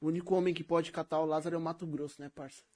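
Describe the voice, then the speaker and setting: A man's voice: fairly high pitch, level tone, rapid-fire, warm tone. A man with a São Paulo Brazilian Portuguese accent, speaking in casual conversation with heavy street slang. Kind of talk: casual chat.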